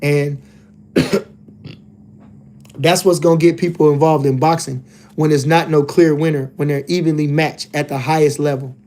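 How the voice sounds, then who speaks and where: A man's voice: a little high, level tone, normal speed, pauses often, a little mellow. A man hosting a casual boxing livestream, reading chat comments and talking loosely with lots of filler phrases. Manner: laid-back, loose and rambling, lots of "you know what I'm saying".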